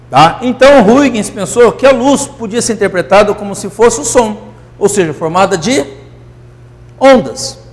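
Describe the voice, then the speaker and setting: A man teaching physics in a classroom lecture, euphoric and animated, constantly checking that students follow. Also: high-pitched, big-room sound.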